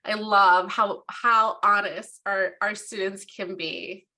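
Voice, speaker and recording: A woman presenter speaks to an online session in a candid, upbeat way, slipping in quick asides. Her tone is bright and forceful. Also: medium pitch, steady tone. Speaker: presenter, parent.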